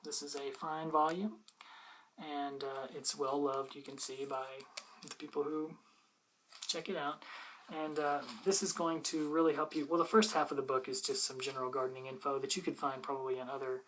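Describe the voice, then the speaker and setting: A person doing an ASMR role-play as a patient, bookish librarian, softly and hesitantly explaining books to a visitor in a unhurried library soft voice. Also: medium pitch, level tone, a little hiss or hum, rough recording. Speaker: librarian showing gardening books.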